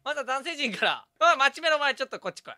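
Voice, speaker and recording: A man hosting a game stream in an animated, teasing way and laughing often. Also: extremely high pitch, racing, no room sound. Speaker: host.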